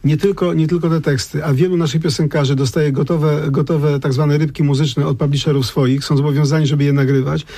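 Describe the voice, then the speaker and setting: A man with a gravelly, somewhat higher voice talks through his ideas on a radio program, circling back and restarting his sentences. His tone is dark and mellow, and the sound is dry and close. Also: flat delivery, a little fast, few pauses, no echo. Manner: thoughtful, digressive, many restarts. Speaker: lyricist and translator, guest. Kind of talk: radio conversation.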